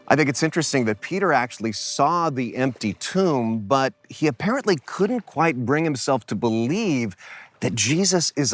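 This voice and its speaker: Slow, lively-voiced man teaching scripture. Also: a little high. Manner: storytelling, reflective, animated retelling. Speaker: Bible teacher. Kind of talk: devotional teaching on location.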